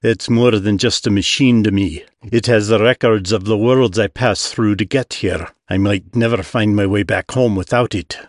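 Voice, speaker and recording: A man's voice: on the low side, steady tone, normal speed, few pauses, dry recording, studio quality, close to an everyday voice. Man doing a wary male traveler. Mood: earnest. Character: wary male traveler-inventor, guarded and earnest.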